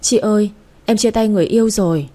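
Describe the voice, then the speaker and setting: In a storybook reading, a woman voices a heartbroken young man who is crying, stammering, whimpering and hurrying through his tearful words. Her medium-pitched voice has a dark tone and sounds close to everyday speech.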